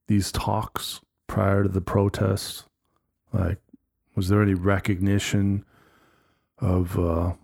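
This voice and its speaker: A man interviewing a protest organizer, asking questions in a slow, halting way as he searches for words. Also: fairly low pitch, creaky, a little mellow.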